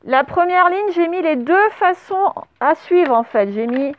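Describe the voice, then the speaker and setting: A woman's voice: very high-pitched, animated, measured pace. A woman primary school teacher giving a spelling dictation, drawing out each syllable and spelling the letters aloud through a face mask. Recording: narrow phone-like sound. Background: traffic noise through open doors.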